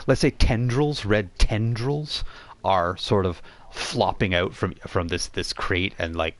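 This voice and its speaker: As game master for a live tabletop role-playing game, a man with a lowish voice narrates and improvises scenes, hesitating as he searches for words.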